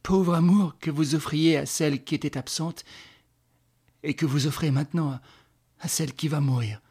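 A man reading aloud, voicing an anguished young woman in a storybook with a slightly husky, raised, tender voice. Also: on the high side, fairly even intonation, moderate pace, darkish tone. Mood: sad.

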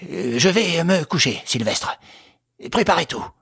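A man's voice: fairly high pitch, lively intonation, a little slow, vocal fry, fairly bright tone, husky, no room sound, clean studio sound, pitched above the performer's own voice, exaggerated voice. A man voicing a frightened older male engineer who pleads and cries out in panic. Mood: fretful. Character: terrified older man, wealthy engineer, desperate.

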